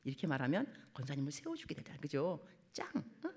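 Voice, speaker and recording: A middle-aged woman missionary preaching a sermon in a church, acting out quoted family talk in lively voices. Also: low-pitched, fast talker, a little hiss or hum. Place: church sanctuary.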